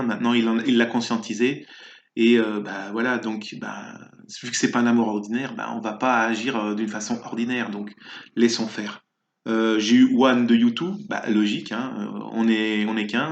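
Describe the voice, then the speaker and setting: A man rambles through a casual spiritual vlog monologue with plenty of hesitations, fillers and restarts. His voice sits at an ordinary middle pitch. The recording is roomy and a little muffled. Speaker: spiritual vlogger. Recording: echoey, slightly muffled room sound.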